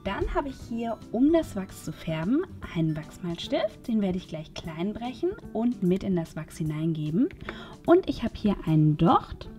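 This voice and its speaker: A woman calmly explaining a crafting project step by step, as host of a tutorial video. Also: mid-range voice, moderate pace, faint music behind. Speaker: DIY channel host.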